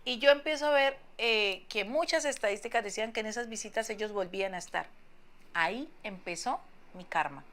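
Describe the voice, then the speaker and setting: Mujer colombiana narrando su propia historia, arrepentida, enfática, voz de tono medio. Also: female voice, medium pitch, a little fast, fairly bright tone. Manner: regretful, emphatic, acts out quoted people. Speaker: woman telling her own story. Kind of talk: confessional first-person testimony.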